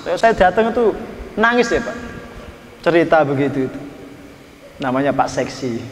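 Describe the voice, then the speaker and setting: A man's voice: fairly high pitch, animated, normal speed, a little hiss or hum. A man preaching a sermon, telling folksy stories and teasing his listeners. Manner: folksy storytelling, teasing the audience. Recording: echoey hall from far off.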